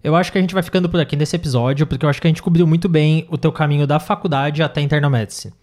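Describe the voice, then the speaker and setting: Casting: female podcast interviewer, low-pitched voice, conversational and informal, brief affirmations between questions. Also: steady tone, racing, darkish tone. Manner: short affirming backchannels, informal phrasing. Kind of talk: casual interview.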